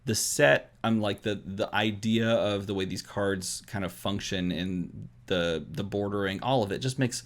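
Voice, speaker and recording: A man hosting a trading card game video, rambling excitedly to his viewers in an overexcited babble, with emphatic repeated questions. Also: lowish voice, a little slow.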